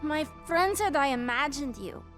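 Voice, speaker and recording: A woman voicing a bubbly, playful young female tiefling cleric in an animated series, eager and clingy, with music underneath. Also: high voice, moderate pace. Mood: eager, pleading. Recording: animated series clip with score.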